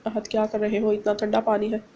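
A woman voicing a young blind wife who pleads tearfully and flares up quickly, read as part of a novel. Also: mid-range voice, completely flat delivery, warm tone, lo-fi sound, slight background noise, lightly acted. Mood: annoyed.

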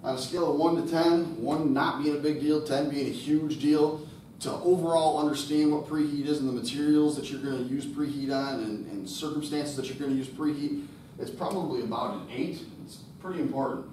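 A man's voice: a little high, a little fast, dark tone, slight background noise. A man in his thirties teaching a welding lesson at a whiteboard, talking casually and checking in with "all right?". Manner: casual, repeats key word, frequent "all right?" checks. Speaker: welding instructor. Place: classroom with whiteboard, indoors. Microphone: camera across the room. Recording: very echoey room, voice from a distance.

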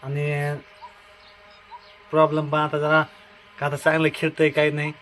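This is a young man from Maharashtra filming a casual family vlog on his phone outside his house. His voice sits a little high for a man, and he rambles on, circling back to the same points. A faint hiss of outdoor noise stays underneath his talk. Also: completely flat delivery, normal speed. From Maharashtra, India. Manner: chatty and repetitive, often calling loudly to his wife. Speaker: family vlogger.

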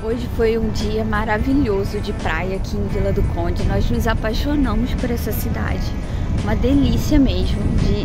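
Outdoors in a windy seaside town, a travel vlogger in her thirties with a Brazilian Portuguese accent chats casually into a phone camera held at arm's length, repeating words for emphasis. Her mid-range voice comes through a rough outdoor phone recording full of wind and traffic noise.

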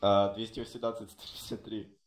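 A man's voice: lowish voice, little pitch movement, brisk. A young man chatting casually with teammates during an online game, swearing now and then. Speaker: gamer in a team. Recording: roomy echo, background noise, mouse clicks.

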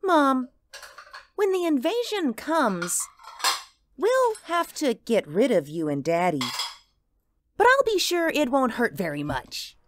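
A woman playing an earnest, excitable little girl with a secretive, menacing streak in an audio drama. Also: high-pitched, takes it slowly, pauses often, noisy background, heavily acted. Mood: sweetly menacing. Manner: childlike, earnest.

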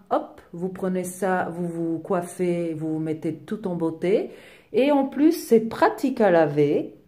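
A DIY decor vlogger whose first language is Portuguese voices over a home decor tutorial in a friendly manner, often hesitating with fillers. Her voice is lowish and mellow.

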